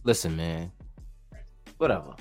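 A man co-hosting a casual basketball podcast, animated and slangy, laughing often. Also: sits low, measured pace, faint music behind. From New York area. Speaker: podcast co-host. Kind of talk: casual sports chat.

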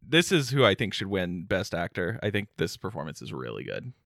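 A man's voice: low voice, big pitch swings, fairly quick, gravelly, fairly bright tone, no echo, clean studio sound. A young man co-hosting a casual podcast chat, laid-back and laughing often as he runs through a ranked list. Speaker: podcast co-host.

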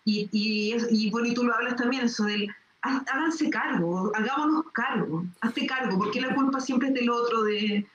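Woman, interview host, halting, dull roomy recording. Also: fairly high pitch, fairly bright tone. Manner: halting, restarts and hedging questions. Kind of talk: studio interview.

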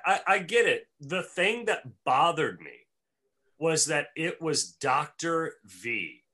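A man's voice: mid-range voice, pushed and bright. A man co-hosting a podcast, chatting loosely with fillers as he recaps a cartoon episode. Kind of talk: casual chat.

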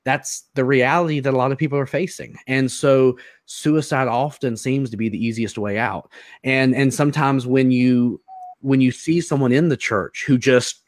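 Earnest halting man, dry close sound. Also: mid-range voice, dry recording. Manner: earnest, halting, repeats words often. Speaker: interview guest. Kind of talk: personal testimony in an interview.

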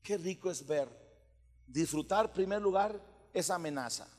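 Pastor guy preaching, high voice, goes from loud to almost whispering, big echoey church hall. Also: moderate pace. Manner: swings between loud preaching and hushed near-whispers. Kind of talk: sermon. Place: church auditorium.

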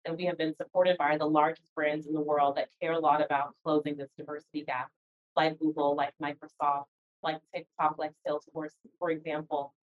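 A woman's voice: low voice, level tone, brisk. A woman answering interview questions as a guest in a conversational way, recorded with dull, lo-fi call audio. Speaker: interview guest, organization founder.

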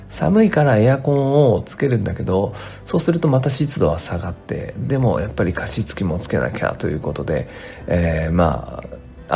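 A man with a low, gravelly, mellow voice hosts his own podcast from the work room at home, where he's a tax accountant. He rambles chattily with plenty of fillers, sounding dry and strained in the morning, and records on a home studio mic.

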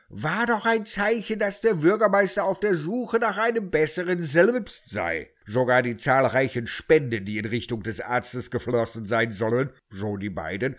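A man narrating a comic audio story in a dry, deadpan way. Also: medium pitch.

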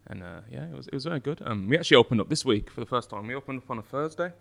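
A British man with a croaky voice after a night of drinking, talking casually and hesitantly as an interview guest in an echoey room. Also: mid-range voice, animated, rapid-fire, fairly bright tone. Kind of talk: casual chat. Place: brewery tap room, indoors. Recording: echoey unit, uneven mic distance.

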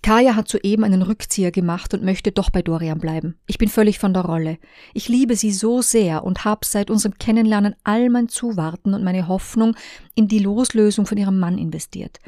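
A woman's voice: medium pitch, a little fast, dark tone, no echo, studio quality, close to an everyday voice. A woman reading the written messages of a man who is upset about his partner, voiced plainly and urgently. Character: Joe, a distressed man in love.

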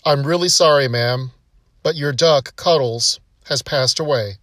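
A man voicing a patient, matter-of-fact veterinarian who apologises in a deadpan way. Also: medium pitch, measured pace, dry recording, clean studio sound, natural voice. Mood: sorry.

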